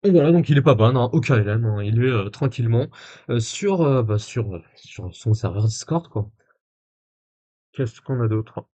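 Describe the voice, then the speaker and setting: A man's voice: medium pitch, lively intonation, moderate pace, mellow, breathy edge. A man commenting casually on a live stream, full of fillers and restarts, with sarcastic asides while he reads messages aloud.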